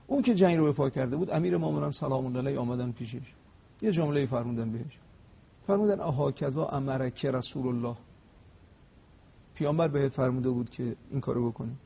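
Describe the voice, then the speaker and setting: A husky-voiced man speaks as a scholar guest, recounting religious history with emphatic peaks. He slows deliberately whenever he recites Arabic. The sound is slightly dull, like muffled broadcast audio. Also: medium pitch, lively intonation. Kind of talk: storytelling lecture on religious history.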